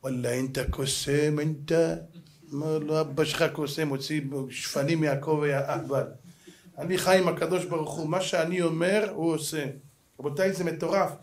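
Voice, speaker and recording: Rabbi guy, high voice, super animated storytelling, slangy, does all the voices. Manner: dramatic storytelling, acts out characters with swings of pitch and loudness; slangy, colloquial street Hebrew. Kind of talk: animated Torah lesson.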